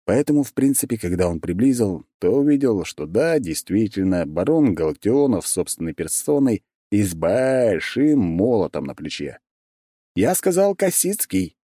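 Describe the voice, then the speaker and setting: A man narrating an audiobook with expressive storytelling, his low voice rising and falling in lively turns. The tone is dark and mellow, and the recording is close and dry. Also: moderate pace, few pauses, dry recording. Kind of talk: scripted narration.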